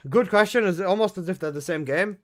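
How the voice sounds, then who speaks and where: Speaking quickly in a high voice, a young gamer streams from his bedroom at home, casually replying to his chat with relaxed slang.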